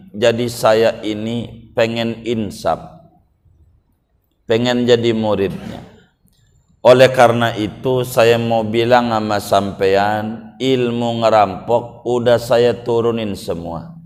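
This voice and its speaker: A man voicing a remorseful old robber chief who addresses his men slowly and gravely. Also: lowish voice, darkish tone, voice pushed down. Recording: long reverb of a mosque hall.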